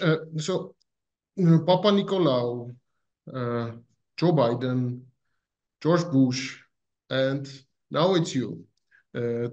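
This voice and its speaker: A young adult man hosting a video call interview, asking polite, brief questions with some filler sounds. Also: medium pitch. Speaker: host.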